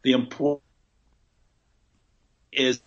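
A man speaking as a guest over a thin, metallic-sounding remote call connection, talking haltingly with lots of restarts and repeated fillers. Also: medium pitch, little pitch movement. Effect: tinny, metallic-sounding call connection. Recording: tinny lo-fi remote call line.

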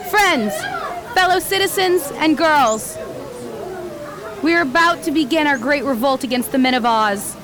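Girl army general, played by a woman, bold and commanding, high swooping theatrical voice, noisy crowd behind. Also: expressive, unhurried. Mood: rousing. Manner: declamatory, commanding. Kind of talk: theatrical audio drama acting.

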